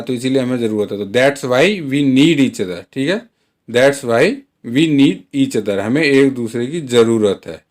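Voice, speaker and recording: A man hosting an English lesson, explaining sentences in Hindi and repeating each English example slowly and deliberately, checking in often with short asides. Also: mid-range voice, darkish tone. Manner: frequent "theek hai" check-ins. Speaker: English teacher.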